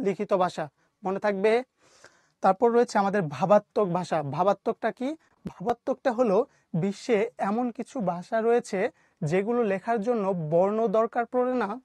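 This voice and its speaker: A woman teacher with a Bangladeshi Bengali accent teaches an online class. She asks her students a question, waits a beat, and answers it herself. Her voice sits at a middle pitch and sounds dry and close, with no room around it. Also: a little mellow, no echo.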